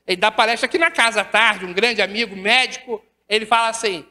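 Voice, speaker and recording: A woman's voice: on the high side, fast talker, sharp tone. A woman with a Rio de Janeiro Brazilian accent giving a spiritist lecture, asking rhetorical questions and tagging her sentences with questions to the audience. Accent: Brazilian Portuguese, Rio de Janeiro. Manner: rhetorical questions, constant tag questions, acts out dialogues. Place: lecture hall of a spiritist center. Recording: reverberant hall.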